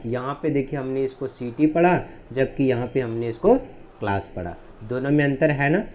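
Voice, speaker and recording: Male tutor, warm tone, quizzes the class and answers himself, spells words out slowly. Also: fairly high pitch, slight background noise. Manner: asks questions and answers them himself. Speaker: English teacher. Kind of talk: whiteboard phonics lesson.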